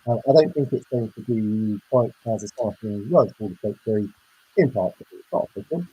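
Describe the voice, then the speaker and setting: A man chatting on a podcast, his slightly husky voice warbling as if heard underwater. A failing internet connection leaves the call audio muffled and garbled while he rambles on with fillers. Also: fairly low pitch, lively intonation, brisk. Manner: rambling, many fillers and restarts. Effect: muffled underwater-sounding audio from a bad internet connection. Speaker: podcast co-host. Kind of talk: casual chat reviewing a game. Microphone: remote call mic.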